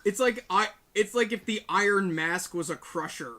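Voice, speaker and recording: A man's voice: high-pitched, normal speed, bright, forceful tone. A man co-hosting a casual podcast chat, making blunt, jokey asides. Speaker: podcast co-host.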